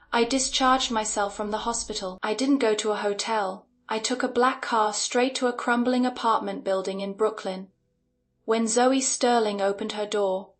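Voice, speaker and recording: A woman giving a scripted first-person narration of a dramatic revenge story, in an intense storytelling manner. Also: on the high side.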